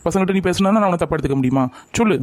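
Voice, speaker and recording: A man's voice: high-pitched, racing, dry recording. A young man in a scripted romantic drama, talking with reproach and coaxing. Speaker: lover in a family skit.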